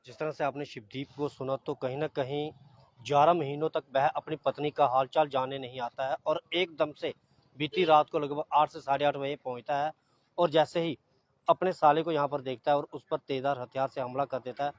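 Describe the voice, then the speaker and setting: Male news reporter on location, formal and measured, dry muffled field audio. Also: on the high side, fairly even intonation, no echo.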